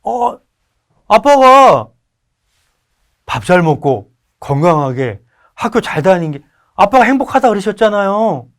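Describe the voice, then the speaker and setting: A man's voice: sits high, sing-song, measured pace, pauses often, fairly bright tone, voice pushed up, exaggerated voice. A man putting on a chirpy young son. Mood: eager. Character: school-age son, cheerful, wheedling for pocket money.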